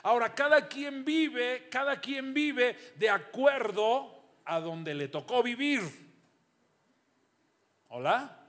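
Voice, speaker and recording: A middle-aged man preaching a sermon in a church, throwing rhetorical questions at the congregation and swinging from loud calls to low asides. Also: expressive, slow, pauses often. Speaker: pastor.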